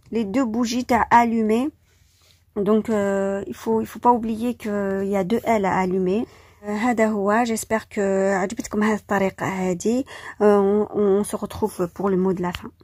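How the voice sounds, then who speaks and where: A woman's voice: mid-range voice, fairly even intonation, brisk, darkish tone, slightly rough, no echo, studio quality. A woman teaching French spelling in an informal, chatty lesson, with frequent hesitations and enthusiasm. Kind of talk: informal vocabulary lesson, mixing French and Arabic.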